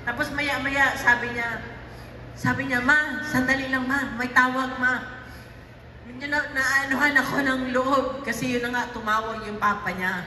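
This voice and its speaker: A middle-aged woman gives a tearful personal story to a gathering, her steady voice sitting high, halting often and restarting sentences with many fillers. The mic is distant, catching her from afar in an echoey hall with background noise.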